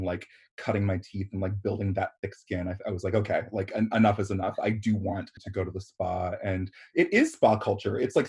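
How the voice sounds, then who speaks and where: A man's voice: fairly low pitch, warm tone. A man in his thirties from Canada, hosting a podcast in a chatty, effusive way full of fillers. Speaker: podcast host. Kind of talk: casual interview chat.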